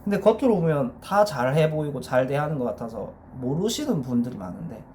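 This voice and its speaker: Guy chatting to viewers, explaining stuff, voice a bit high and bouncing all over, slight hiss behind. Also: a little fast. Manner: lively, emphatic, addresses viewers directly with frequent affirmations. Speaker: personality-type explainer. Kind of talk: casual explanatory monologue to viewers.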